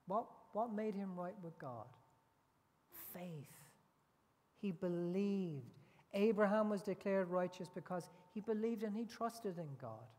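A middle-aged man delivers a sermon at an unhurried, measured pace. He leans on rhetorical questions to make his points. His voice rings with the long reverb of a big hall and is picked up from a distance. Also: high-pitched, a little mellow. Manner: deliberate, with rhetorical tag questions. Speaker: preacher. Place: large indoor church hall.

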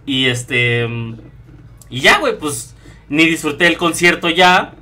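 A man's voice: fairly high pitch, slow. A young man with a Mexican accent, a streamer casually telling a story, slangy and full of swearing. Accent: Mexican Spanish. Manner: profane, slangy and animated.

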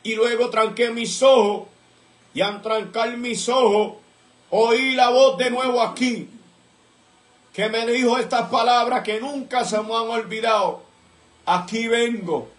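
Very high-pitched and a little slow, with fairly even intonation, a man shares a fervent church testimony, returning to his memories again and again and bursting into praise partway through. The recording sounds roomy.

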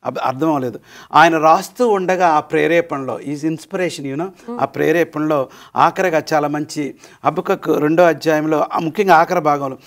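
Middle-aged male Bible teacher, slightly high voice, animated storyteller who drops in English phrases. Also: moderate pace. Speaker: Bible study guest teacher. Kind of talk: Bible study discussion.

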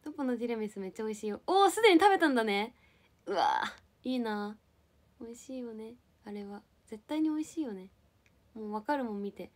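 A woman's voice: a little high, animated, a little fast. A young woman from Japan casually chatting with viewers on a livestream, playful and giggly as she answers comments. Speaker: live streamer.

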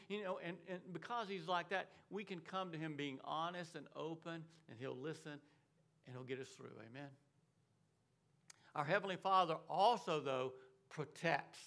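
High-pitched guy giving a sermon, keeps asking okay? amen?. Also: fairly bright tone. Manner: emphatic preaching with repeated words and frequent "okay?" and "amen?" checks. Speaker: pastor.

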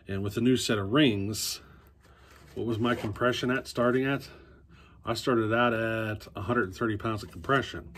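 A man in his forties gives a casual workshop how-to on chainsaw work from his basement, easygoing and thinking aloud to a nearby phone camera, with fillers and restarts. His fairly low voice has a fairly bright tone at normal speed, with a little hiss or hum.

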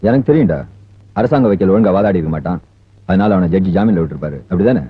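An actor playing a scheming crooked boss who talks in a sly, sneering way, in a film drama. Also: male voice, low-pitched, animated, fast talker, slightly rough, dry recording, narrow, tinny audio.

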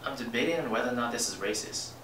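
A man's voice: mid-range voice, very fast. A young man acting in an amateur student skit as a frustrated actor at an audition. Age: young adult. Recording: roomy, distant, faint noise.

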